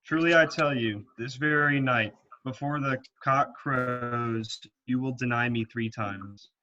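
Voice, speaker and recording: Guy reading jesus, solemn and steady, clear bright tone, kinda muffled audio. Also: medium pitch, takes it slowly. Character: Jesus, calm grave male teacher. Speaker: reader. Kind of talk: scripted church reading.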